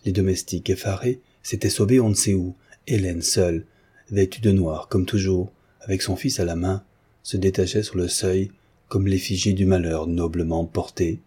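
A man narrates a classic novel in a measured audiobook reading. His voice is deep and husky, with a dark, mellow color. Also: steady tone. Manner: measured, literary.

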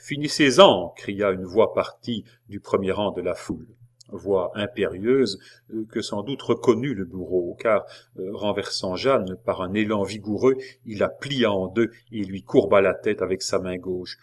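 Low-voiced man reading a novel aloud. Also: a little mellow. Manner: measured dramatic reading with occasional hesitations. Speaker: audiobook narrator. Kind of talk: literary audiobook narration.

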